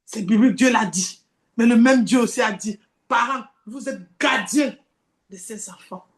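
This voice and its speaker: A woman's voice: on the high side, moderate pace, reverberant. A woman preaching a sermon, acting out the tempting voices in dialogue.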